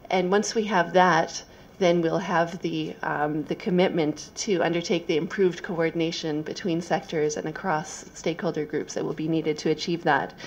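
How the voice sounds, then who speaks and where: A woman's voice: deep voice, a little hiss or hum. A woman speaking as a presenter at a conference, explaining her thoughts step by step.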